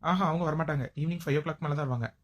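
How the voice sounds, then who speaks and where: A woman's voice: low voice, very fast. A woman in a village comedy skit, talking in a coaxing, gossipy neighbourly way.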